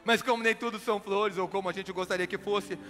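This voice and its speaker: A man's voice: high-pitched, fast. A man, telling a dramatic motivational story as a speaker and acting out the dialogue. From Brazil. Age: 30s. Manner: animated, acts out dialogue. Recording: background music.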